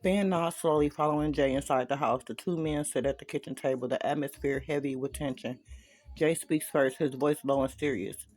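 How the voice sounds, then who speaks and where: A woman's voice: extremely low pitch, fairly even intonation, normal speed, darkish tone, rough recording. A woman narrating a fan-fiction story in a chatty, slangy manner with asides to viewers.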